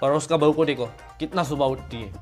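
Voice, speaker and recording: A man's voice: brisk, natural voice. A man doing a grumbling harsh mother-in-law. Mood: nagging. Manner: low, grumbling nagging. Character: harsh older mother-in-law, fault-finding and domineering. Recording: loud background music.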